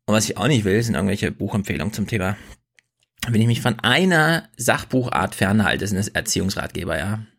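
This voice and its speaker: A man's voice: lowish voice, animated, brisk, creaky, fairly bright tone. A man in his thirties co-hosting a podcast, talking in a chatty, rambling way that often corrects itself mid-sentence. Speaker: podcast co-host. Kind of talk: casual chat.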